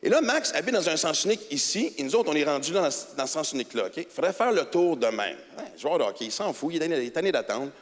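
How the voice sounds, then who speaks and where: A middle-aged Québécois comedian tells his story in an animated, colloquial way, his voice high and very expressive. He moves between muttered asides and shouts. A handheld mic picks him up in a big reverberant hall with the crowd faintly behind. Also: quick pace, hardly any pauses. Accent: Québécois French. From Quebec. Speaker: stand-up comedian. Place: large theatre stage with audience. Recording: hall reverb with audience ambience.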